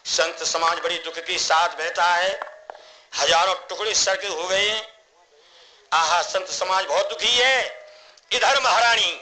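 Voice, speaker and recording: High, bright-voiced kathavachak man. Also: steady tone, unhurried, a little hiss or hum, low-quality recording. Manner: declamatory, repeats phrases for emphasis. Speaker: kathavachak, devotional storyteller. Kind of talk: devotional katha narration with sung laments.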